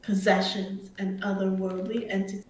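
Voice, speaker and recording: A woman's voice: medium pitch, little pitch movement, normal speed. A woman chatting casually while reacting to game builds, gushing and giggly. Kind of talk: casual gaming chat. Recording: echoey room.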